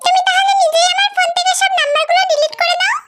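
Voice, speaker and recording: Fast, very high-voiced woman dubbing, hissy track. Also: steady tone. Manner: quick, teasing, often shouting and bickering. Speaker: fan dubber voicing several characters. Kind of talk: comedic fan dubbing.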